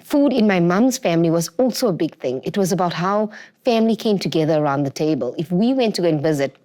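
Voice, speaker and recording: Woman, slightly low-pitched, informal interview guest, talkative storyteller who repeats for emphasis. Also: expressive, quick pace, dark tone. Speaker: guest, home cook and content creator. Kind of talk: casual interview chat, animated storytelling.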